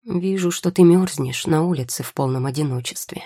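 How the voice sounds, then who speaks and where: A woman's voice: sits low, brisk, dark tone, dry recording. A woman voicing a teasing young male potion-maker who needles his rival with dry, mocking questions. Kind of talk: audiobook character voice.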